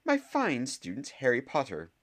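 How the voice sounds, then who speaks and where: A man's voice: mid-range voice, wildly swooping pitch, moderate pace, voice pushed up. Man voicing an older woman professor, icy, clipped, skeptical, stern, raised voice.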